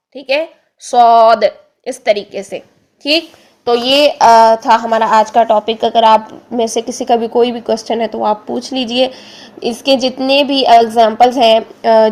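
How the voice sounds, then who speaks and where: A young adult woman teaching a tajweed pronunciation lesson, patiently repeating each sound slowly and checking in often with her listeners. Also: fairly high pitch. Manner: checks in often with "theek hai". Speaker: Quran recitation teacher.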